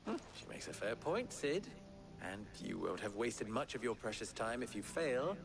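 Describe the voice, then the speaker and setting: An actor playing a wry, worldly male town leader in a video game, speaking in a dry, measured way. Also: fairly low pitch, sing-song. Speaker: game character. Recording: game audio with clear background noise.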